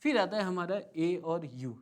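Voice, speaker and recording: Male language teacher, a touch high-voiced, slow and patient, drills sounds again and again with the odd joke. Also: expressive. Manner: slow, patient, drills words by repeating them; light joking asides. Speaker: German teacher. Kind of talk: online language lesson.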